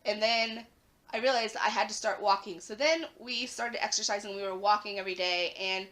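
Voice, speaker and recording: At home, a young woman talks casually to her vlog camera, her voice raspy and a little hoarse from the flu. It's mid-range, pushed and bright, and a little fast, peppered with "like" and rising emphasis in a chatty way.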